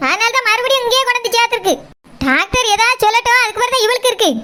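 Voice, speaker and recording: A woman voicing a fierce, sharp-tongued middle-aged housewife in a cartoon, scolding and bossy. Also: very high-pitched, racing. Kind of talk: cartoon voice acting.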